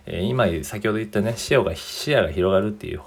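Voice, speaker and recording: A man from Japan talks quickly through a casual solo podcast, going point by point through a numbered list. His low voice is gravelly and a little husky. He often stops and corrects himself mid-phrase. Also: expressive. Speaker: podcast host.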